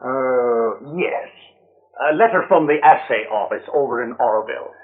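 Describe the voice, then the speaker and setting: A man's voice: mid-range voice, animated, moderate pace, close to an everyday voice. A man playing a loony old prospector who declaims verse grandly in an old-time radio drama. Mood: eager, grandiose. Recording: tinny, narrow-band old radio recording.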